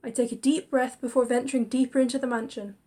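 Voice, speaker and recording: Narrator: woman, fairly high voice, expressive and chatty for a spooky story. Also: quick pace, noisy background. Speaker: reader and narrator. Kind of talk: narrating a visual novel with inner monologue.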